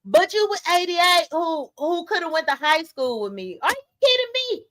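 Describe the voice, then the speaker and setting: High-voiced blunt woman in her thirties. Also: sing-song, normal speed, bright, forceful tone, poor audio. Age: 30s. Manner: emphatic, blunt, talks straight to viewers. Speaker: vlogger. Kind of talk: casual commentary monologue.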